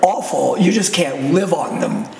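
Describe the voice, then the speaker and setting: Gravelly, hoarse man in an echoey room. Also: a little high, sing-song, measured pace, over a noisy crowd. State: hoarse, recovering from laryngitis. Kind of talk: religious talk radio conversation. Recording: roomy, echoey, distant, faint noise.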